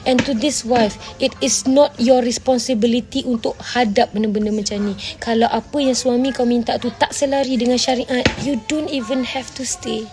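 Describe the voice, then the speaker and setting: She talks at normal speed with hardly any pauses, in a slightly high, slightly mellow voice with fairly even intonation. This Malaysian Malay-accented livestream host answers comments bluntly and scolds her audience, mixing Malay with English and frequently asking "faham tak?".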